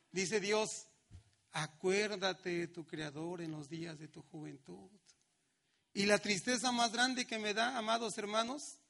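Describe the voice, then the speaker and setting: A middle-aged man, a pastor preaching a sermon with slow, emphatic lines and acted-out quotes. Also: sits high, gravelly, fairly bright tone.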